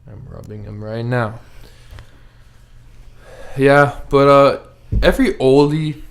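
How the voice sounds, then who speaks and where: Laid-back young man, smooth clear voice. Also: mid-range voice, slow. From Minnesota. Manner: laid-back, rambling, frequent fillers. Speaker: podcast host. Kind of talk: casual chat. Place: home, with dog beside him.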